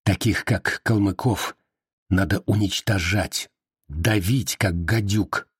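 Man doing a cold grim revolutionary, husky. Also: medium pitch, takes it slowly. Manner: flat, curt, grimly calm. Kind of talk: audiobook character voice.

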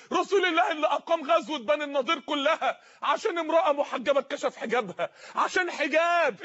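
A man with an Egyptian accent delivers a fiery sermon in a strikingly high voice at a rapid clip. He pleads and shouts, hammering home repeated phrases. The recording is muffled and lo-fi. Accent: Egyptian Arabic. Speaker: preacher.

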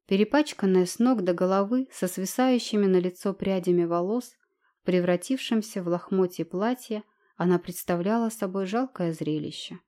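A woman's voice: medium pitch, moderate pace, mellow. Woman narrating an audiobook. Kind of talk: scripted narration.

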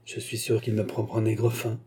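Sulky earnest young gentleman played by a man, low, hushed, husky. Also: monotone, normal speed. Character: young gloomy, impulsive gentleman in love.

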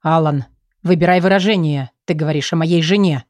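A woman's voice: sits low, fairly quick, a little mellow, no room sound, pitched below the performer's own voice, lightly acted. A woman voicing a cold, stern male count who speaks curtly. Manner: curt, icy.

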